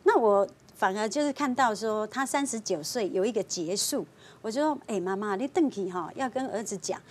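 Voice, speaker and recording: A woman, a fortune-teller guest on a talk show, telling a story in a lively way and acting out the voices of the people in it. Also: mid-range voice, moderate pace. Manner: lively storyteller, voicing clients and police.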